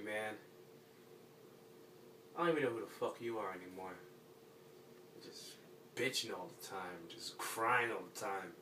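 A heartbroken loner, halting, despairing, mid-pitched, distant mic, faint noise. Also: male voice, bright, forceful tone. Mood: self-loathing. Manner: halting, despairing, trailing into mumbles. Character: a lonely, heartbroken young man sinking into despair. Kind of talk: short film drama monologue.

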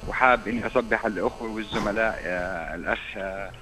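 A man from Jordan, calling in to a TV show over a poor-quality, unclear line. He talks politely and warmly, trading greetings and often restarting his sentences. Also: lowish voice, racing, soft background music. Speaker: phone-in caller. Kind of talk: call-in chat on a TV show. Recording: echoey phone line with faint hum.

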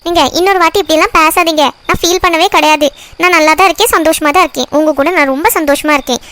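A young cartoon wife who is homesick but devoted, voiced by a woman. She talks in a soft, pleading way with a very high voice and a quick pace. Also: fairly even intonation. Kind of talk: cartoon voice acting.

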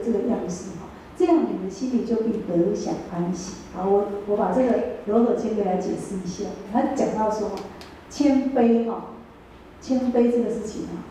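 Woman, middle-aged, Taiwanese Mandarin accent, chatty sermon, very dark mellow voice, far from the mic in a booming hall. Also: a little hiss or hum. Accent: Taiwanese Mandarin, with Taiwanese Hokkien phrases. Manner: chatty, asks the room questions. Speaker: church speaker. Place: church hall.

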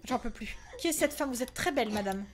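A woman's voice: on the high side, animated, fast, noisy background. A woman streaming a horror game, talking jumpily and anxiously, swearing and exclaiming as she plays. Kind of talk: live gaming commentary.

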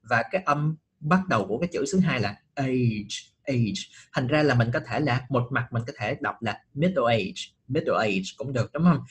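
Man, middle-aged, online english lesson, patient, husky, mid pitch. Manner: patient, checks often with rising questions. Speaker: English teacher.

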